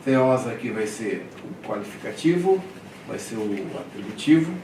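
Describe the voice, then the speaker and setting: A man's voice: on the low side, expressive, normal speed, background noise. A man teaching a classroom Greek lesson, drilling words one by one and checking in with his students. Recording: echoey room, mic at a distance.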